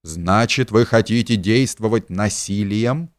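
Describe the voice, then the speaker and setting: Guy doing a preachy self-righteous hypocrite, shrieky and huffy, deepish voice, dry sound. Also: unhurried, dry recording, natural voice. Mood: shrieking. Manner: preachy, shrill and indignant. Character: pompous hypocritical middle-aged man, self-righteous.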